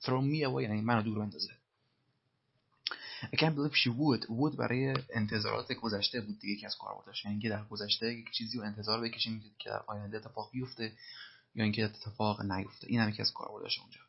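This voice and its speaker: A man teaching English, repeating film lines slowly and then explaining them in Persian. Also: on the low side, flat delivery, creaky, slightly rough, highs cut off.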